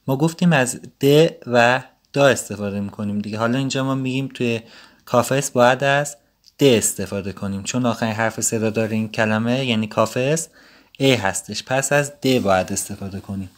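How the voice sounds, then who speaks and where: A man giving a casual, patient language lesson, explaining grammar rules step by step. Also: medium pitch. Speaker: Turkish language teacher.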